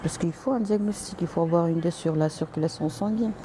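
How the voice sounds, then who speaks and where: Responding to comments from viewers during a live stream, this woman doctor talks quickly in a fairly low voice, with background noise behind her. Frequent hesitations and restarts mark her speech, which stays polite yet direct and mixes in English and Arabic words.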